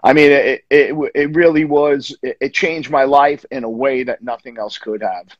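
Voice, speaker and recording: A man's voice: medium pitch, steady tone, moderate pace, no room sound. A man in his fifties from Long Island with a New York accent, a guest musician chatting casually on a video call from his home, rambling with many restarts and fillers. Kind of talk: casual interview chat. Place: home room, indoors. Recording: dull lo-fi video call audio.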